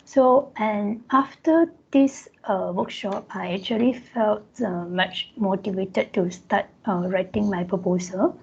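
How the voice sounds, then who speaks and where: A woman academic presenting at an online workshop, talking haltingly with frequent pauses, heard through screen-recorded video-call audio. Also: mid-range voice, creaky, slightly rough, dull audio. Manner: halting, pausing often mid-sentence. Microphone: computer mic on a video call.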